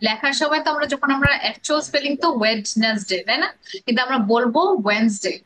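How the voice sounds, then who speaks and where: Bright Bangladeshi woman teaching English. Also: a little high, quick pace, a little hiss or hum, poor audio. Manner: drills pronunciation, mixes English phrases into explanations. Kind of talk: classroom grammar lesson.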